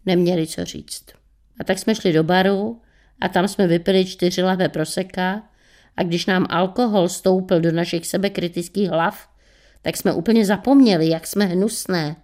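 A woman's voice: medium pitch, a little mellow. Wry woman reading her own story. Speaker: radio presenter and author.

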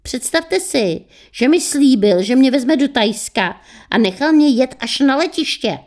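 A woman voicing a distraught female friend who shrieks her complaints in a shrill, high voice. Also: expressive, darkish tone.

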